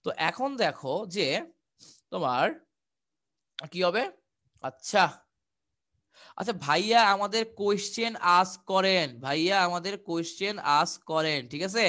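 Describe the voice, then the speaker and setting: A man's voice: sits high, animated, normal speed, long pauses, bright, forceful tone. A young man from Bangladesh teaching a live online exam-prep class, chatty and repetitive, answering viewers' questions as he goes. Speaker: online tutor.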